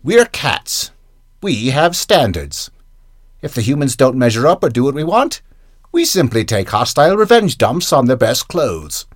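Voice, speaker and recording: A man's voice: mid-range voice, sing-song, a little slow, no room sound, clean studio sound. A man voicing a smug, scheming male house cat who lectures a kitten in a sly, theatrical way. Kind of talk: comic monologue reading.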